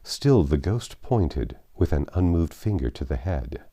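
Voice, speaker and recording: A man narrating a classic story expressively, with dramatic, deliberate phrasing. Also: a bass voice, sing-song, mellow, no room sound, clean studio sound. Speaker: audiobook narrator.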